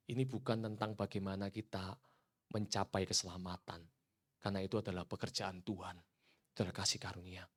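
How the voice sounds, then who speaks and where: A male pastor preaching a sermon, rising to loud emphatic peaks and dropping to hushed, near-whispered endings while addressing the congregation directly. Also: lowish voice.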